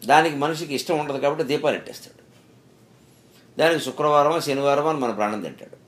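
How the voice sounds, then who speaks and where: A man's voice: fairly high pitch, quick pace. A middle-aged man giving a spiritual discourse, telling stories and asking rhetorical questions with emphatic rises. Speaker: spiritual speaker.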